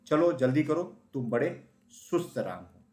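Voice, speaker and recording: A man's voice: medium pitch, very animated, a little slow, darkish tone. A man voicing a bossy little girl mouse who teases and contradicts her brother. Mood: teasing. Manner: teasing, contrary. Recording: roomy echo.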